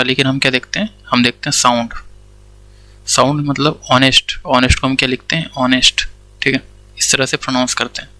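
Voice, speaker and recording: Male grammar teacher with an Indian accent, bright and dry, walks through rules step by step. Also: medium pitch, dry recording, rough recording. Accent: Indian English. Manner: explains step by step, asks questions and answers them himself, says "theek hai" often. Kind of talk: Hindi-English classroom lecture.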